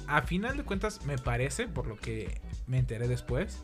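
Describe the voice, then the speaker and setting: A man's voice: mid-range voice, sing-song, normal speed, a bit bright, soft background music. A man with a Mexican Spanish accent, laid-back and slangy, chatting as a co-host. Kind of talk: casual chat.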